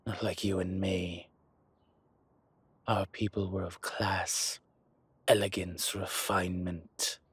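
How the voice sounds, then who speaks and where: A man performs a full character voice as an older, suave, arrogant dragon mob boss fond of luxury, speaking slowly in a deep, very husky, rough voice with a fairly bright tone and flat delivery. Haughty and disdainful, he smooth-talks and savors each word with deliberate pauses in an intimate, scripted, one-sided roleplay. The recording is close and dry, with no room sound.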